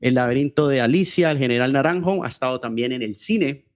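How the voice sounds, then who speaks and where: A Colombian man hosts a podcast in a friendly, welcoming tone. His voice sits at an ordinary middle pitch, and he moves steadily through a list of his guest's work. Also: brisk. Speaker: podcast host. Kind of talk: interview hosting.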